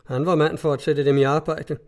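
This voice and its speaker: A man voicing a grieving, weary old villager who speaks slowly and heavily. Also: fairly high pitch, flat delivery, lightly acted. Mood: sorrowful. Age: older.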